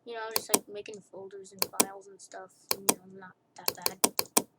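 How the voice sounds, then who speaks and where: A woman's voice: mid-range voice, level tone, normal speed. A young woman casually talking through a screen-recorded drawing tutorial, rambling, correcting herself and giggling at her own asides. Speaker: tutorial maker. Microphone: computer mic during screen recording. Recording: loud hiss with keyboard and mouse clicks.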